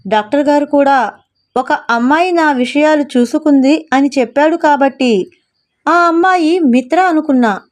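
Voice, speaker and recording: A woman's voice: high-pitched, darkish tone. A woman voicing a remorseful young man who reproaches himself and explains earnestly in a storybook reading. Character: remorseful young husband, regretful lover.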